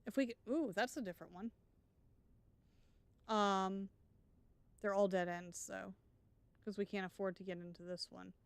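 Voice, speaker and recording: A woman's voice: mid-range voice, steady tone, moderate pace, long pauses, clear, resonant tone, no echo. A woman streaming a live game, talking through her choices in a chatty, wry way. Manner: thinks aloud, chatty and wry. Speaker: let's play streamer. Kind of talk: live gameplay commentary.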